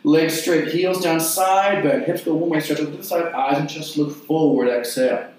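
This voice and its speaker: A man leading an exercise class, giving short, clipped cues and counting repetitions in a measured rhythm. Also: on the high side, fairly even intonation, a little mellow. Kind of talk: guided mat exercise instruction with counted repetitions. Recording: very echoey room, distant mic.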